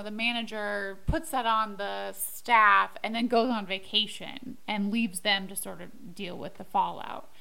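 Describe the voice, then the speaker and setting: Bright-voiced woman chatting about episodes. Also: mid-range voice, creaky, low-quality recording. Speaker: podcast co-host. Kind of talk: casual recap chat.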